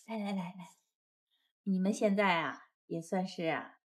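An actress playing a pushy older mother-in-law in a TV drama, fussy and drawn-out. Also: fairly low pitch, close to an everyday voice. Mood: fussing. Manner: fussy, bossy, drawn-out interjections. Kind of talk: TV drama acting.

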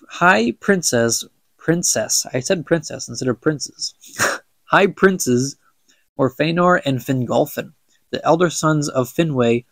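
A young, congested man with a medium-pitched, fairly bright voice reads a book aloud and comments on it casually for a podcast, with no echo. Stumbles over words keep cropping up, and he laughs them off.

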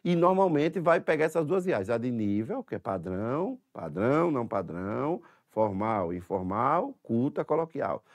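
A man's voice: mid-range voice, big pitch swings, moderate pace, hardly any pauses. A man teaching an exam-prep language lesson in a Sergipe Brazilian Portuguese accent, explaining step by step and checking in often with tag questions.

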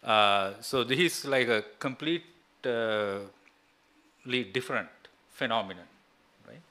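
A middle-aged Sri Lankan man answers at an academic seminar in a halting way, constantly tagging on "you know" and "right?" as a habitual check-in. His mid-range voice is bright with a forceful tone. He speaks in a small indoor seminar room into a gooseneck table microphone.

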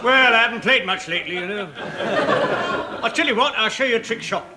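A bumbling, self-satisfied Englishman in a TV comedy sketch. He rambles in a high voice over heavy recording noise. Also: brisk. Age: middle-aged. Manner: rambling, pleased with himself. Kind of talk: 1970s TV sketch comedy acting. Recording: noisy old studio TV recording.

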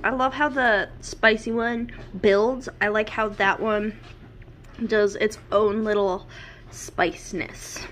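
A woman's voice: mid-range voice, steady tone, slow, fairly bright tone, a little hiss or hum. A woman casually chatting and joking while tasting food. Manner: playful, teasing. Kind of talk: casual chat.

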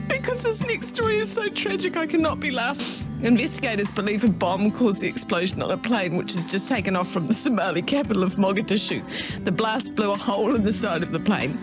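A woman's voice: mid-range voice, lively intonation, fairly quick, over music. A woman news anchor reading the news in a studio while trying not to laugh, breaking into giggles. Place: television studio.

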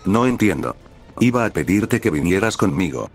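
A man voicing a cheerful, naive young man in a story reading, delivered in a flat, even way. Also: low-pitched, moderate pace, creaky, husky, faint music behind, heavily acted. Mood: puzzled.

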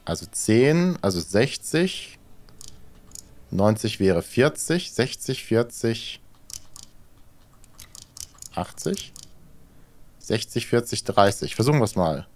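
A man's voice: fairly low pitch, sing-song, takes it slowly, long pauses, a little mellow. A man doing casual let's play commentary, thinking aloud hesitantly as he plays. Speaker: let's player, horror game streamer.

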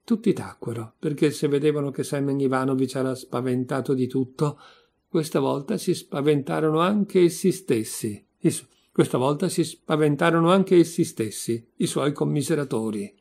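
A man reading a classic story aloud in a measured, expressive narration. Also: on the high side, creaky. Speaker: audiobook reader.

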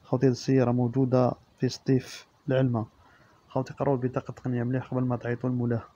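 A man with an Algerian Arabic accent reading out used-car listings and prices as the regular presenter, in a steady listing manner. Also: medium pitch, rapid-fire, highs cut off, slight background noise. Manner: monotone listing of specs and prices.

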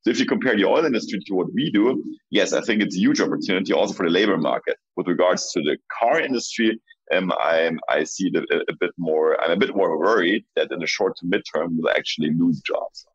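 A man who founded a startup, speaking on a panel in a measured way and thinking aloud with restarts. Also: sits low, breathy edge, no room sound, dull audio. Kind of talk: panel discussion.

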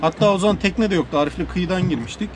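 A man talks quickly and eagerly in a fairly high voice, recounting a story to a friend. Clear background noise sits under his voice. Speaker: friend of the host. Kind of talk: casual chat, telling a story. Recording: noisy outdoor background.

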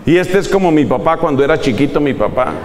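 Male preacher, lively and humorous, fairly high voice, long echo of a church hall. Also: fast, a crowd in the background. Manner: animated, humorous, acting out examples. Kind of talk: sermon.

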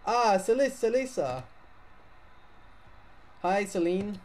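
A woman's voice: mid-range voice, expressive, slow, a little mellow. A man voicing a chirpy female TV announcer in a put-on French accent, bubbly and theatrical. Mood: gushing. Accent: fake French.

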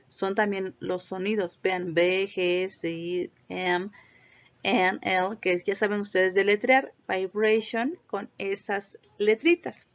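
A woman teaching English pronunciation in a patient, slow way, repeating words for students to echo. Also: mid-range voice, creaky. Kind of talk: classroom video lesson on pronunciation. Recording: muffled lo-fi recording.

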